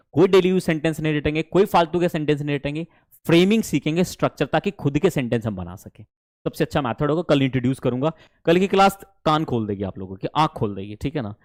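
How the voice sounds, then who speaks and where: A young adult man with an Indian accent, teaching an online spoken English class in an animated way and mixing English phrases into Hindi. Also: a little high, no room sound, clean studio sound.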